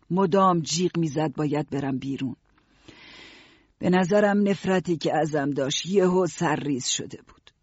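Husky male audiobook narrator. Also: on the high side, dry recording, dull audio. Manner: steady first-person storytelling.

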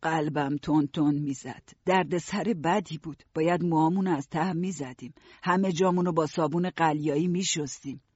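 A husky, slightly high man's voice reads a story aloud in the first person, steady and even. The recording is dry and dull, like a lo-fi studio. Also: few pauses, dry recording. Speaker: narrator. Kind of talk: audiobook narration.

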